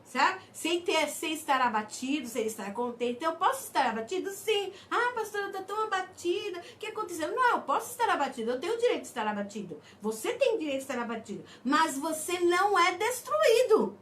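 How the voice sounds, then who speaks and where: Woman pastor, very high animated voice, emphatic sermon delivery, slightly distant mic with faint noise. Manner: preaching with slow emphatic stresses and calls of amen.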